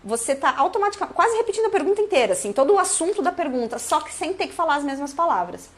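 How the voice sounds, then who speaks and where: High-voiced Brazilian woman teaching English. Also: very fast. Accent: Brazilian Portuguese. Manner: lively, chatty, acts out little dialogues. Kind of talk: live online lesson.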